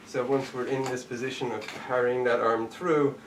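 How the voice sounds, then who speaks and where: During a live online martial arts class, a jujitsu instructor demonstrates techniques and talks through each one, counting the steps aloud. His mid-range voice stays level at a moderate pace. The room is echoey, the mic is far away, and faint background noise is audible.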